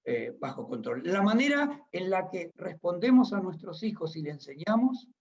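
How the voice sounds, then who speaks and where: A man's voice: high voice, very animated, moderate pace. A middle-aged man preaching a sermon as pastor, emphatic and asking the congregation questions. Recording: dull lo-fi recording.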